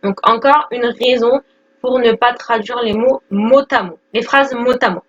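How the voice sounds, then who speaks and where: A woman in her twenties, an English teacher, gives a casual spoken lesson, explaining step by step with lots of fillers and check-ins. Her voice is on the high side and her pace measured, with the highs cut off in the recording.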